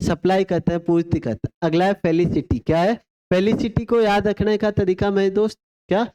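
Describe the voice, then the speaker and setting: A man leads an English vocabulary class with a warm, mellow voice. He works by call and response, throwing out rhetorical questions and answering them himself. He spells each word slowly, one letter at a time, as a drill. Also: high-pitched, steady tone, smooth. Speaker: English teacher. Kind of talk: exam vocabulary lesson.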